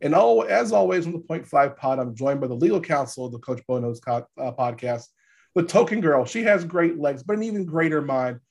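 Congested, gravelly man hosting a sports podcast. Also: a little high, animated, fairly quick, darkish tone. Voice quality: gravelly, stuffy from allergies. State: congested from allergies. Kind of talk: casual sports podcast chat. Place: podcast studio.

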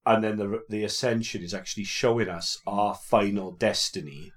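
A man with a South Wales accent speaks in a fairly low register. He hosts like an informal vicar, explaining things conversationally, with a jokey, chatty manner and plenty of tag questions. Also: fairly even intonation, moderate pace. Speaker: podcast host and vicar. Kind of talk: casual conversational explaining of faith.

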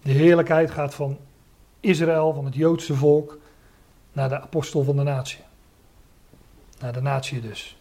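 A man's voice: fairly high pitch, little pitch movement, measured pace, pauses often, dark tone. A man teaching from the Bible in a sermon, reading passages aloud and then explaining them with frequent hesitations. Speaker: preacher.

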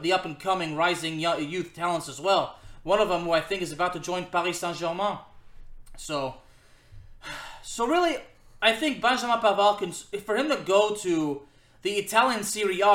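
A man's voice: high voice, fairly bright tone. A man hosting a football podcast, giving emphatic, opinionated commentary off the cuff and repeating phrases for effect. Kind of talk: unscripted opinionated sports commentary. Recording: roomy, echoing sound.

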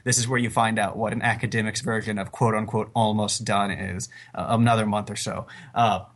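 A man co-hosting a gaming podcast, talking with enthusiasm and letting his phrases trail off quietly. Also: on the low side, steady tone, a little fast. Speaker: podcast co-host. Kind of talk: casual podcast talk.

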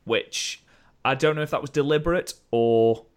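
A man co-hosting a podcast, chatting casually about wrestling in an animated, opinionated way that slides into rants. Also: medium pitch, normal speed, clean tone. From United Kingdom. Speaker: podcast co-host.

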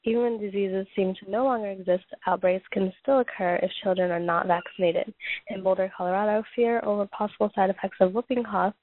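A woman with a failing voice reads prepared notes aloud, stumbling, restarting and clearing her throat. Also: medium pitch, fairly even intonation. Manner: halting reading with frequent restarts and throat clearing. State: losing her voice, coughing. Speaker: podcast host reading points on a topic. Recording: tinny phone-like audio.

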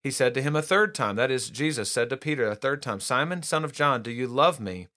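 A man's voice: mid-range voice, a little fast, sharp tone. A man preaching in a casual Bible-study style, reading scripture aloud and explaining it with frequent restarts. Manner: conversational, restarts often, reads scripture aloud.

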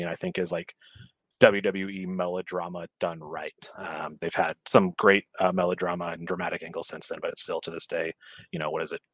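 A man's voice: deep voice, a bit bright, no room sound, poor audio. A man in his thirties, a podcast guest, chatting casually and rambling with many fillers and restarts. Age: 30s. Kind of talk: casual chat.

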